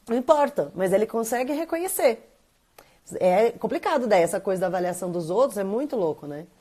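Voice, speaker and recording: A woman in her thirties with a Brazilian accent hosts a casual live stream, chatting with viewers and reading their comments aloud. Her voice sits a little high. She talks animatedly and slips into playful voices when she quotes people. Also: darkish tone. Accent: Brazilian Portuguese.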